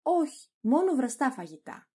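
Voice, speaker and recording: A woman's voice: high voice, very animated, mellow, slightly rough, full character voice. A woman voicing an irritable older male hypochondriac who orders his household about. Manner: irritable, fussy, demanding.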